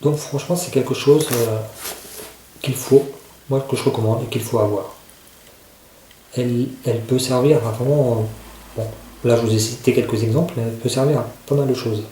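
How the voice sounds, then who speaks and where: A man's voice: mid-range voice, fairly even intonation, normal speed, pauses often, mellow. A man casually demonstrating outdoor gear, informal and repeating himself as he handles it. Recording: roomy echo, faint noise.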